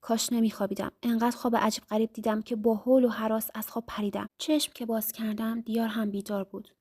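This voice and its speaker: A woman narrating a first-person story in an intimate, lively storytelling manner. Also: on the high side.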